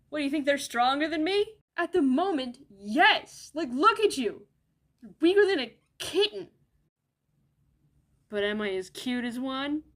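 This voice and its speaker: High-voiced woman doing comedy sketches. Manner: casual, swears a lot, deadpan banter. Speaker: sketch comedy creator playing all roles.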